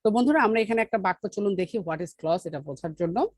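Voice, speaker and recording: A woman teaching an English grammar lesson, explaining step by step, asking the class questions and reading example sentences very slowly. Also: mid-range voice, darkish tone, breathy edge, dry recording.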